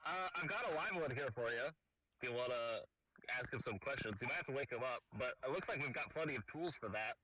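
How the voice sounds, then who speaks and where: A man's voice: medium pitch, fast, a little hiss or hum, poor audio. A man playing a tabletop role-playing game, joking around and goofing with the group. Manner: lively, jokey, laughing. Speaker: player.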